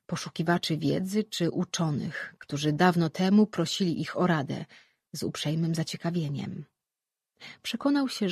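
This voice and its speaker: An audiobook narrator reading a fantasy novel in calm, even scripted narration. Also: medium pitch, creaky, slightly rough, dry recording, studio quality.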